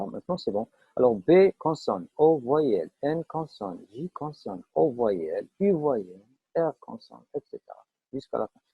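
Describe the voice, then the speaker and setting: Man teaching code, husky lo-fi audio. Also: mid-range voice, no room sound. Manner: explains step by step with many fillers and checks for understanding. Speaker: programming teacher. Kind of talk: live online class. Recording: dull lo-fi online class audio.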